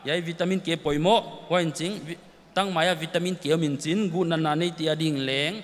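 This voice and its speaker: High-voiced man in an echoing hall. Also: little pitch movement, a little fast, fairly bright tone. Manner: explanatory, lists nutrients and terms. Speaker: festival speaker. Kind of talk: informational talk. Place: large hall. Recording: long hall reverb.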